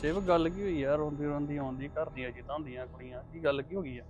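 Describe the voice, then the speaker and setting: A man acting as a cautious elder cousin in a family drama, quick and fairly high for a man, reasoning softly. The sound is tinny and dry, like a cheap lo-fi recording. He keeps pressing his doubts. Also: over music, natural voice. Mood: worried. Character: worried elder male cousin, gentle and cautious.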